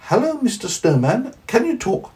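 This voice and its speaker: A man's voice: big pitch swings, normal speed, darkish tone, distant mic. A man doing a small, timid boy. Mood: wondering. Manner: high, hesitant, wondering.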